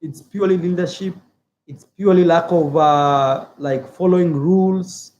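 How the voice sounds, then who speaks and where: High-pitched man, from Africa, casual vlog, earnest, repetitive, filler-heavy. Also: steady tone, moderate pace, darkish tone, muffled recording, slight background noise. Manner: earnest, repeats phrases, many filler words. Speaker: YouTuber. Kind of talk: casual opinion vlog, reading viewer comments.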